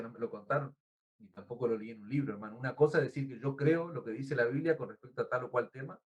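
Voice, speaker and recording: Argentine male pastor, mid-pitched, earnest teaching sermon. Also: darkish tone, dull audio. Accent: Argentine Spanish. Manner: earnest preaching that often addresses listeners as brother; teacherly, explains words and spells them out.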